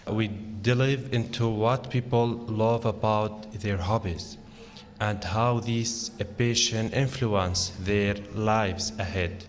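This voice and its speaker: Man, 20s, from syria, student podcaster, slow, deliberate, music behind. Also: fairly low pitch, fairly even intonation, long reverb tail.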